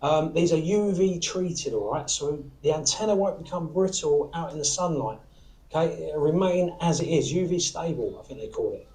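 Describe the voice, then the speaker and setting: Working in a small indoor workshop, a British antenna maker gives an informal, hands-on demonstration, frequently checking with "all right?" and "okay?" as he explains each step. His voice is animated, somewhat high and a little mellow, at a normal speed, in a low-quality recording.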